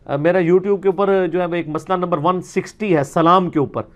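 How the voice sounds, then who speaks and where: Speaking in a high, steady voice, a man with a Pakistani Punjabi accent answers religious questions in an informal talk. He explains things emphatically and colloquially, making sure the listener is following along.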